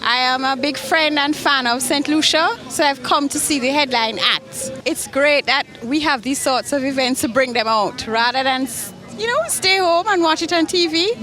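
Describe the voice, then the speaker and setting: A woman with a rather high voice, chatting in a friendly way in a vox-pop interview. Music plays clearly behind her. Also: moderate pace, few pauses, sharp tone. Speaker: concertgoer interviewed. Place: outdoor concert in a garden.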